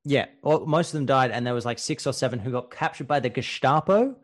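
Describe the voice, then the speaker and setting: Animated laughing male podcast storyteller. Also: mid-range voice, a little fast. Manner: animated storyteller, laughs often, swears casually. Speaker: podcast co-host telling history stories. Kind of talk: casual chat.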